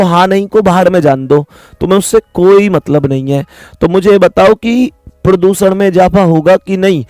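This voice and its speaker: A man's voice: sits high, a little mellow, no echo, clean studio sound. A young man teaching an online exam-prep reasoning lesson, chatty, repeating key points and calling his students dear children.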